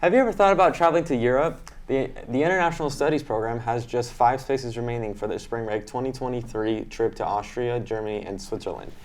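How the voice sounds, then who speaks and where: A man's voice: mid-range voice, fast talker, few pauses. A teenage boy co-anchoring a student newscast, reading announcements upbeat with occasional restarts. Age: teens. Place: school studio.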